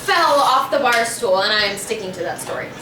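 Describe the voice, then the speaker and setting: A woman's voice: fairly high pitch, animated, fairly quick, noisy background. A woman chatting and telling stories casually with friends in a blunt, joking, slangy way, as co-host of a video. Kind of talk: casual chat and storytelling among friends. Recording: roomy echo, distant mic, music behind.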